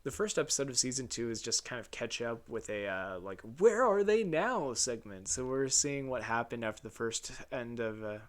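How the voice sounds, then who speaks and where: A man's voice: mid-range voice, moderate pace, few pauses, fairly bright tone, clean tone. A man reading his own video essay script raw and unedited, casual and wry, swearing and restarting flubbed lines.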